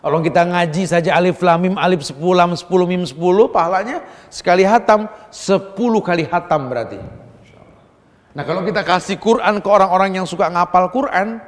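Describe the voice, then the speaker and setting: A male preacher giving a sermon, moving between loud exhortation and soft, confiding asides. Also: high voice, long reverb tail.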